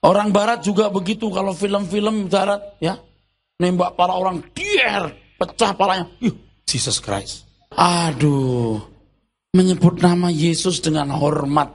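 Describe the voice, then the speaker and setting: A man's voice: high voice, a bit bright. A man pastor preaching a sermon in a loose, colloquial way, tossing rhetorical questions at the congregation.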